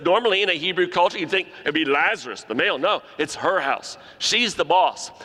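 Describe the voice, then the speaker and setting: A man's voice: fairly high pitch, pushed and bright. A man delivering a sermon, emphatic and repeating key phrases for stress. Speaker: preacher. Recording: reverberant hall.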